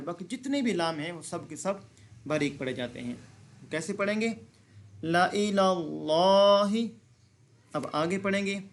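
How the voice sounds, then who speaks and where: A man teaching Quran reading, explaining pronunciation rules and then slowly reciting words, often asking and answering his own questions. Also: a little high. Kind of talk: slow recitation lesson.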